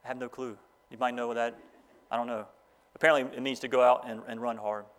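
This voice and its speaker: A graduation speaker with a medium-pitched, flat delivery reads from the Bible and spins folksy stories, his pace quickening and easing by turns.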